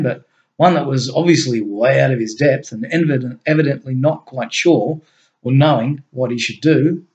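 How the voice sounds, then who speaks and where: A man reading his fiction aloud as storyteller in a measured way, with the odd slip and self-correction. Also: medium pitch. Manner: measured reading with small slips. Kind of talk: read-aloud fiction narration.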